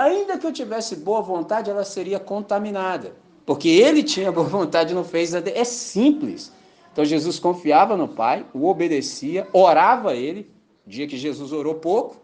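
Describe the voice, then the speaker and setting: A man's voice: high voice, a little mellow. A man preaching an informal, joking sermon, often checking that his listeners follow. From Brazil. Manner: colloquial, jokey, keeps asking "entendeu?". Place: mission gathering.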